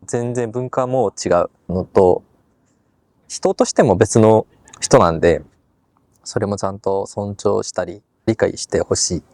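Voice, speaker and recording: Korean-born man, mellow, dry sound. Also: fairly low pitch, measured pace, no room sound. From Busan, South Korea. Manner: earnest, gives advice, laughs easily. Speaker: guest. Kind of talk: casual conversation.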